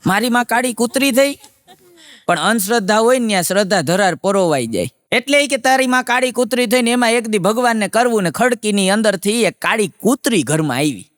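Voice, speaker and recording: A man telling a long joke with lively storytelling. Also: high-pitched, fairly quick, no room sound, clean studio sound. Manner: lively storytelling, voices rising for punchlines. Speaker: stand-up comedian.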